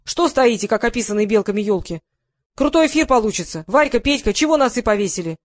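Woman reading bossy producer lady, loud fast orders, high pitched, dry audiobook. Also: lively intonation, no room sound, close to an everyday voice. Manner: loud, commanding, rapid-fire orders.

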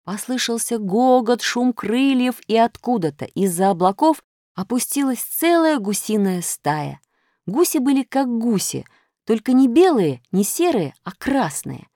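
A woman reading a children's story aloud in an expressive way. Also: a little high, unhurried, no echo, studio quality.

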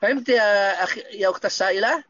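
A man's voice: sits high, quick pace, sharp tone, dull audio, a little hiss or hum. A man teaching Arabic grammar in an online lesson, patiently explaining and checking that students understand.

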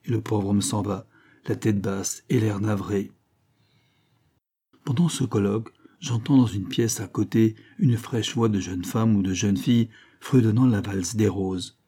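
Male audiobook narrator, low-pitched, very dark and husky, measured literary reading. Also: fairly even intonation.

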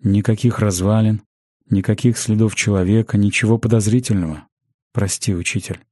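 A man's voice: fairly low pitch, fairly even intonation, moderate pace, a little mellow, no room sound, clean studio sound, natural voice. A man doing an apologetic young apprentice. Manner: apologetic, earnest.

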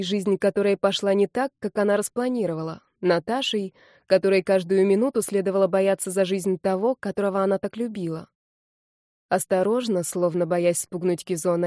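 A woman's voice: mid-range voice, moderate pace, warm tone, no echo. A woman tells a story in the first person, narrating an audiobook expressively. Her voice sits in the middle range. The recording is close and dry.

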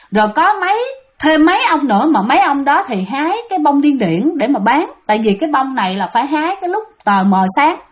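A woman with a Southern Vietnamese accent telling a ghost story casually, chatting to her listeners as she goes. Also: fairly high pitch. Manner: chatty, keeps addressing listeners.

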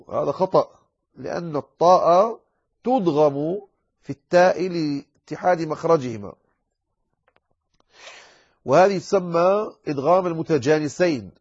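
A man teaching the rules of Quran recitation in an explanatory lecture, slowing down to recite examples with drawn-out words. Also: a little high, a little mellow, husky, dull audio.

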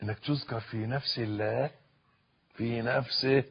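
A man with an Egyptian accent preaching a sermon in a husky voice, repeating phrases and building to loud emphatic peaks. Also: mid-range voice, steady tone, normal speed, lo-fi sound. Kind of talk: Islamic sermon in colloquial Arabic.

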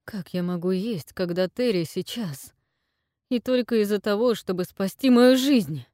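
A woman voicing a desperate young man tormented by guilt, who cries out in strained, hoarse pleas. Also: lowish voice, animated, unhurried, warm tone, no echo, clean studio sound. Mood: anguished.

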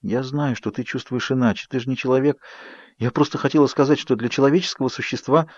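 A man's voice: mid-range voice, fairly even intonation, fast talker, no echo, dull audio, natural voice. A man voicing an earnest young woman with pleading, emotional speech in an audiobook. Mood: tender. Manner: pleading, heated outbursts.

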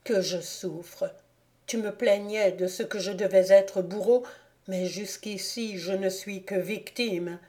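A woman reading the part of an anguished young man who calls out to his dead mother, in a soft, hushed, pleading voice. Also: mid-range voice, fairly even intonation, slow, close to an everyday voice. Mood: desperate.

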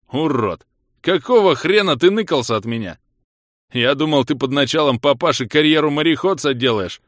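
A man reading an audiobook, voicing a big, brash, rowdy young man who shouts and mocks his friend. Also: mid-range voice, no echo, studio quality, natural voice. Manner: boisterous, shouting, mocking. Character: loud brash hulking young man, rough joker.

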